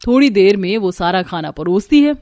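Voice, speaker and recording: A woman's voice: mid-range voice, lively intonation, moderate pace, a little mellow. A woman narrating a cartoon family story in a scripted storytelling style. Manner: storytelling, voices the family members too.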